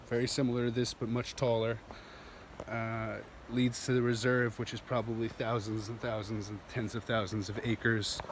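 Laughing often and rambling with enthusiasm, a thirtysomething vlogger narrates his walk down a steep jungle trail into a phone held at arm's length. His voice is mid-range, and background noise can be heard.

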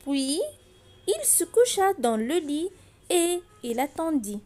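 Slow, expressive woman reading a fairy tale. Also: high-pitched. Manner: expressive, sing-song, deliberate. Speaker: storyteller. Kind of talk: scripted storybook narration.

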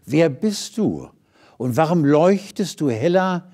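A man voicing a wise old owl in a storybook reading, speaking with a calm, knowing murmur. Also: a little high, takes it slowly, slightly rough, voice pushed up, full character voice. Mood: amused.

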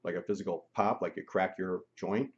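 A man's voice: sits low, steady tone, a little fast, dull audio. A man telling a personal story in a casual, chatty way, with frequent ums and laughs. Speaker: channel host.

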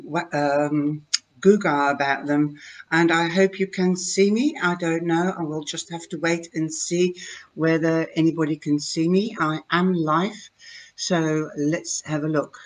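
Sitting at her desk at home, an older woman from the Netherlands with a Dutch accent livestreams a card reading through her webcam. Her voice sits low as she talks slowly and chattily, often hesitating, while explaining her tarot cards.

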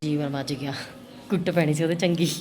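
A woman's voice: deep voice, fairly even intonation, a little fast, loud music behind the voice. A woman chatting casually to viewers in a daily home vlog, often checking in with little tag questions. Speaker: home vlogger and mother. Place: around the house, partly outdoors. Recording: noisy handheld home recording.

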